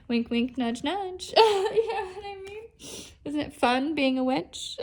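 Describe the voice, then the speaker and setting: Young Californian woman tarot reader: chatty, giggly, emotional, a touch high, gravelly fry. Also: darkish tone. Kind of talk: casual spoken tarot reading.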